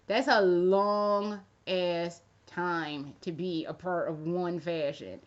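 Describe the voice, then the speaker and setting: A woman in her thirties, a fashion vlogger, chats casually to camera, rambling, swearing freely, and cracking jokey asides. Her voice is fairly low and steady, and she takes her time. The recording is dull and lo-fi.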